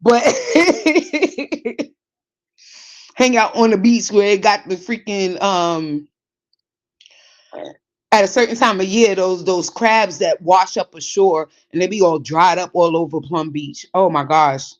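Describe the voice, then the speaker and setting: A woman in her forties with a Brooklyn New York accent, hosting a podcast in casual chat, animated, laughing often and digressing. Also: medium pitch, slow, dull audio. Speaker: podcast host. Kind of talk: casual chat reading listener comments.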